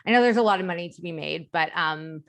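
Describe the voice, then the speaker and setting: A woman in her thirties with an American accent and a slight lisp that makes her s sounds slushy. Her voice sits a little low for a woman. She talks casually as a podcast guest, chatty and self-effacing, dropping "like" often. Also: quick pace. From Chicago area, United States. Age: 30s. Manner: chatty, self-deprecating, peppered with "like". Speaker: company founder, interview guest.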